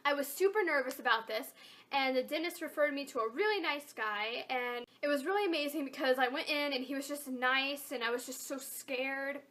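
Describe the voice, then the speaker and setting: Young female vlogger, high-pitched and bright; informal, chatty, emphatic personal storytelling. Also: normal speed. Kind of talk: casual personal storytelling to camera.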